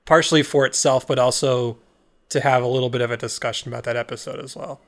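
A man's voice: mid-range voice, fairly even intonation, fast talker. A man hosting a podcast in casual chat, talking loosely with frequent restarts. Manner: loose, rambling, stumbles and restarts. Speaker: podcast host.

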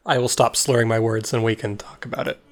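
A podcast host chats casually in a medium-pitched, fast voice with little pitch movement. His talk is loose and rambling, with frequent stumbles and restarts.

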